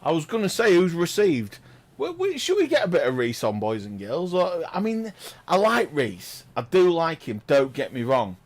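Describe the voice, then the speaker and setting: An excitable man, doing chatty live commentary on a pool match and exclaiming loudly at big shots. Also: fairly high pitch, normal speed. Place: pool lounge.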